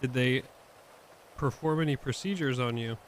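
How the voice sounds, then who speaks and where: A man streaming game role-play, firing off rapid, incredulous questions. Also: mid-range voice, a little hiss or hum.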